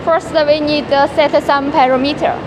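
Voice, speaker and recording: A young woman in her twenties presenting a welding machine, talking haltingly with many restarts. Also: high voice, fairly even intonation. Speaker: product presenter. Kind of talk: product demonstration in English. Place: large factory workshop. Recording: noisy factory floor.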